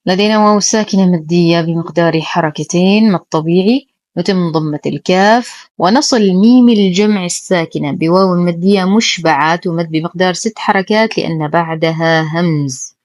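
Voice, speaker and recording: Woman, lower voice, patient recitation teacher who spells out each rule and intones examples slowly, dry close recording. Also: darkish tone, dry recording. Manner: careful, precise, slow drawn-out recitation of examples. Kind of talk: tajweed lesson, explaining then reciting slowly.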